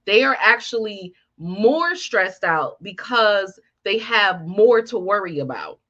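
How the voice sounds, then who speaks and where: A woman co-hosting a casual reaction podcast, animated and emphatic as she talks. Her voice is bright and forceful, and the recording sounds a little dull and lo-fi. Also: mid-range voice, takes it slowly. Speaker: podcast co-host.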